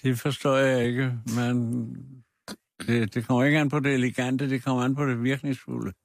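A man's voice: medium pitch, flat delivery, dry recording, studio quality. A man who served as a minister, answering tersely and bluntly on a political panel. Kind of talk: panel discussion.

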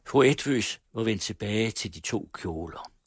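A man reading a novel aloud on the radio, measured, letting phrase ends fall away. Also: fairly low pitch, lively intonation, slightly rough, no room sound, clean studio sound. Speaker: radio reader.

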